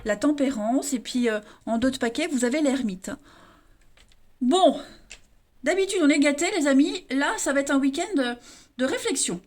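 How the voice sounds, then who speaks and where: A woman reads tarot cards for her viewers in a loose, chatty way. Her voice sits high, and she keeps stumbling into fillers and restarting her sentences. She talks to the audience as her friends. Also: expressive, normal speed, a little mellow. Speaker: tarot reader. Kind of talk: casual tarot reading for viewers.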